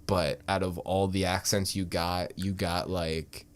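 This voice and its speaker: A man's voice: low voice, level tone, a little slow, smooth. A man co-hosting a podcast in loose, casual chat, swearing and laughing often. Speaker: podcast co-host.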